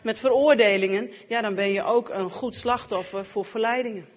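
A woman interpreting a sermon in church and reading scripture aloud in a steady, measured way. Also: fairly high pitch. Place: church hall. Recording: dull lo-fi sound with long hall reverb.

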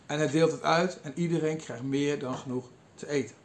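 High-voiced Dutch-speaking man preaching. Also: fairly quick. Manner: storytelling, quoting figures in lively asides, some hesitations. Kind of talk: sermon retelling a Bible passage.

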